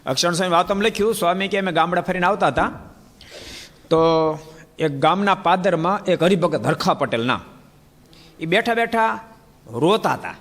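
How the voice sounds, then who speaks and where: Animated Gujarati-accented preacher man. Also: high-pitched, moderate pace, long pauses, in a large hall. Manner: animated storytelling, acting out dialogue. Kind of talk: sermon with storytelling.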